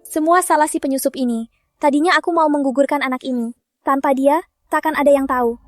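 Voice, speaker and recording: A woman's voice: high-pitched, brisk, no echo, studio quality, soft background music, lightly acted. An actress dubbing a spoiled, scheming young woman who grumbles bitterly to herself. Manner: petulant, bitter inner grumbling. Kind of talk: dubbed short-drama acting.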